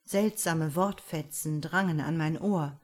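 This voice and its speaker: A woman narrating an audiobook in a measured, expressive storytelling manner. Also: sits low.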